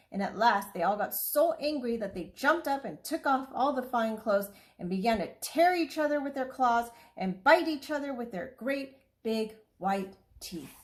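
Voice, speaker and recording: A woman reading a children's storybook aloud with expressive, lively storytelling. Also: a little high.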